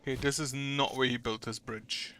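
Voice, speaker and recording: Bright-voiced man doing casual gameplay commentary. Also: mid-range voice, fairly even intonation, moderate pace, soft background music. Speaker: video game player.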